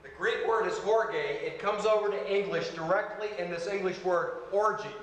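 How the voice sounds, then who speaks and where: A high-voiced man lectures on scripture in short, slow phrases, stopping often so an interpreter can translate. He sounds a long way off in a very echoey hall, and faint room noise hums underneath. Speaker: seminary teacher. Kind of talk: bible lecture through an interpreter.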